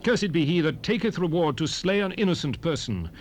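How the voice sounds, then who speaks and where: A man playing a solemn prophet, reciting scripture in a measured, declamatory way for a dramatized Bible recording. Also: a little high, very animated. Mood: solemn, stern. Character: solemn male prophet proclaiming blessings and curses. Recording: hissy 1970s cassette recording.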